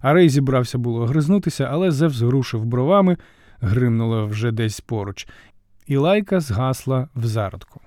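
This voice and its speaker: A man reading an audiobook, narrating in an even, measured storytelling voice. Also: medium pitch, no room sound, studio quality.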